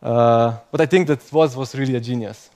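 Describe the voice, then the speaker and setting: With a mid-range, slightly mellow voice at normal speed, a young man delivers a conference talk before a live audience. English isn't his native language; he keeps things chatty and pokes fun at himself, frequently ending points with "okay?".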